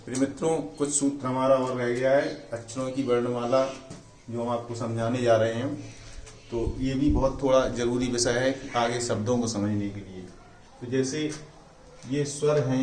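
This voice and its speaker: A man's voice: mid-range voice, a little mellow. A man giving a patient, step-by-step spiritual language lesson, addressing his listeners as friends. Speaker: teacher. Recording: echoey room, voice from far off, faint noise.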